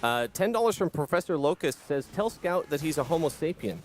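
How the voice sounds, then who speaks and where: A man with a Canadian accent hosting a charity live stream, easygoing and quick to laugh at himself. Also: on the high side, lively intonation, very noisy. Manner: easygoing, laughing, self-deprecating. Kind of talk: casual live-stream chat.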